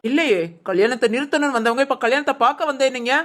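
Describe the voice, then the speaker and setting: A woman's voice: sits high, fast, fairly bright tone. A woman playing a cruel, greedy middle-aged stepmother in a village drama, harsh and bossy. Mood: scolding.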